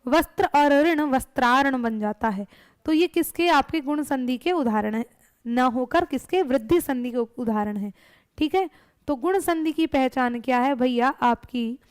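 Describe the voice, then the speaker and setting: A woman with a high voice teaches a grammar lesson for an exam class. She works through each rule step by step, asks a question and answers it herself at once. The sound is dry and close, with no room around it. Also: normal speed, clean tone, no room sound.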